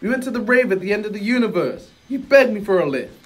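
A man's voice: sits high, sing-song, quick pace, voice pushed up. A man voicing a laid-back, streetwise male genie, speaking in a put-on American accent with chummy slang, recording lines for a comedy. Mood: teasing. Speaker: voice actor.

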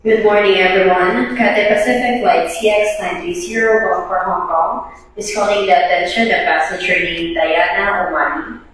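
A woman's voice: lowish voice, steady tone, a bit bright. A woman making a formal gate announcement over an airport public address system. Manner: formal, measured. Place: airport terminal. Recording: echoey PA from far off.

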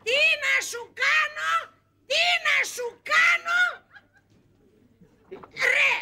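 A coy, teasing young wife. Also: female voice, very high voice, heavy background noise. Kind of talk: stage comedy acting. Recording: live stage recording with audience.

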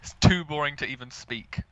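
A man's voice: fairly high pitch, normal speed, fairly bright tone. A young man chatting and joking while playing an online shooter, giggly and sarcastic. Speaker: gaming commentator. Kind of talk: casual gameplay chat. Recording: faint background noise.

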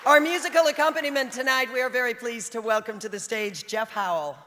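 Announcing a live event from a stand-mounted podium mic, a woman in her thirties emphatically calls out the cast's names to a large theater crowd. She sounds a little high and a little fast, bright and forceful, amid echoing hall acoustics, audience noise and cheers.

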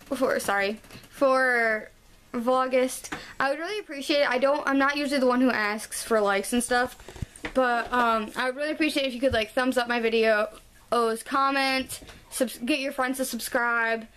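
A young woman vlogs casually on a handheld camera held at arm's length, rambling in a chatty way with lots of filler words. Her voice is high and fairly bright, with a steady tone and normal speed. She moves from her bedroom to a car and then a hotel room, and the handheld camera audio is noisy.

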